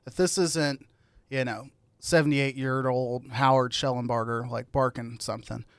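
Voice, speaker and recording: A man's voice: medium pitch, steady tone, moderate pace, vocal fry, smooth, no room sound. An American man co-hosting a sports podcast in casual conversation.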